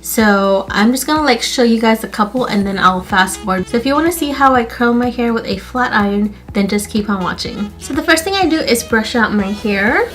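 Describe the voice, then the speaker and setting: Over soft background music, this stuffy-nosed beauty YouTuber talks fast with few pauses, her fairly high, bright voice full of lively intonation. She's chatty and warm as she demonstrates a hair tutorial, repeating "like" and "literally."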